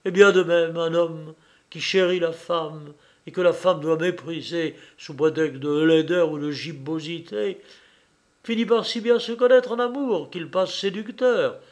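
A man's voice: a little high, fairly even intonation, a little slow, natural voice. A man reading the part of a shrewd, devoted young hunchback who speaks fervently and slyly.

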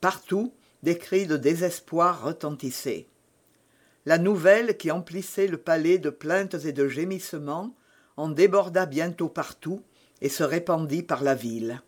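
A man narrating a classic novel as an audiobook in a measured, deliberate way. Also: a little high.

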